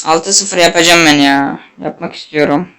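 A young man commentating his own football video game match, excitable and jokey, shouting at his players, with a sore throat. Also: fairly high pitch, moderate pace, clean tone. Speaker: gaming channel host. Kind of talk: live gameplay commentary.

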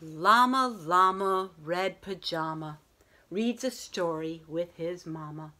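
A woman's voice: on the low side, takes it slowly, pushed and bright. A middle-aged woman reading a picture book aloud to children, expressively, drawing out some words. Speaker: read-aloud host. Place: room at home, indoors.

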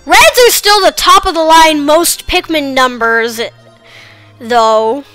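Bright high-voiced woman gaming. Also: slow pace, dry recording, soft background music, low-quality recording. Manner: chatty, rambling, self-deprecating. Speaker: gaming channel host. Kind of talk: casual let's-play commentary.

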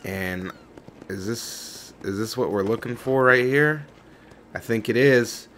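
A man's voice: mid-range voice, slow pace, fairly bright tone, slight background noise. A young man hosting a let's-play video, chatting casually with rambling, profane commentary. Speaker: gaming channel host.

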